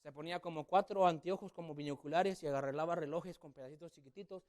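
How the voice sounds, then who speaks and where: A man's voice: on the high side, fast talker, darkish tone. A man preaching a sermon as a pastor, telling a story and acting out family members' voices. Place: church sanctuary.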